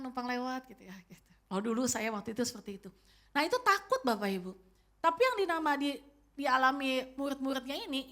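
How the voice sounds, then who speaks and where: A woman's voice: sits high, fairly bright tone. A woman in her fifties preaching a sermon as pastor, telling the story directly to her congregation. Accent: Indonesian. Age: 50s.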